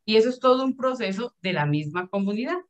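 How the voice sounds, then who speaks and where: A woman's voice: mid-range voice, lively intonation, fast talker. A woman who thinks aloud as she explains a reading to a Bible study group. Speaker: speaker in a virtual Bible study. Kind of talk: explanatory talk. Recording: dull, muffled sound.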